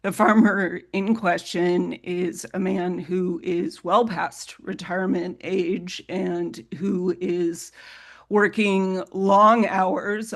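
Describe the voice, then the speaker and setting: A woman's voice: fairly low pitch, vocal fry. Woman with a trembling, wobbly voice. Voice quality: trembling, wobbly voice from a vocal cord tremor. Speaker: resident testifying at a hearing. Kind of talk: public testimony.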